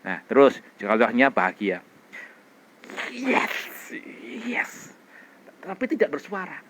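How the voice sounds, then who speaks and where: A middle-aged man teaching a public speaking class, demonstrating expressions and vocal drills with loud chants and quiet whispers. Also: medium pitch, huge pitch swings, slow, slightly rough. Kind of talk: energetic training class.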